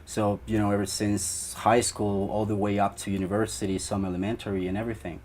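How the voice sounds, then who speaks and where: A man's voice: fairly low pitch, level tone, fairly quick, darkish tone, slight background noise. A young man from Ecuador, a band guitarist, answering interview questions in a rambling way with many fillers.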